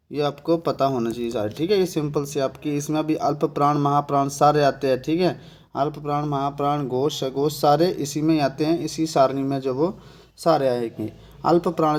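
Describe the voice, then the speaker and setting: A man's voice: fairly high pitch, a little mellow. A man with a Himachali accent teaching an exam-prep grammar lesson, asking himself questions and checking in with "thik hai" after nearly every point. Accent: Himachali Hindi.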